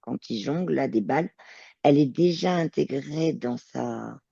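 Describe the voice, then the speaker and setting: Gravelly-voiced woman describing visions hesitantly. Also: a bass voice, unhurried, warm tone, dry recording, lo-fi sound. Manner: hesitant, searching for words, many fillers. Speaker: telepath. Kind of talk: describing visions in a channeling session.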